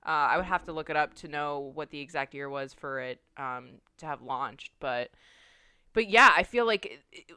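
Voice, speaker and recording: A young woman with a very low yet bright, crisp voice, co-hosting a podcast in loose, rambling chat full of filler words. The recording is dry and close. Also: normal speed, no room sound. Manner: rambling, full of "like" and "you know". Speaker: podcast co-host. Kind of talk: casual chat.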